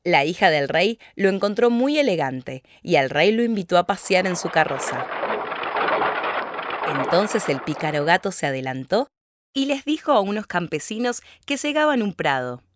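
A woman narrating a children's fairy tale in a steady, clear telling. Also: on the low side, normal speed, very noisy. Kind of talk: storybook narration.

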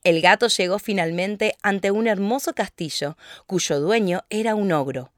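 A woman narrating a children's fairy tale in a steady, clear telling. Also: medium pitch, unhurried, no room sound, studio quality. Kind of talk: storybook narration.

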